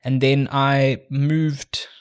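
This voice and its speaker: A man's voice: mid-range voice, level tone, drawn-out words, smooth. A young South African man, a podcast guest, chatting casually with frequent restarts and joking asides. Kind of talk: casual interview chat.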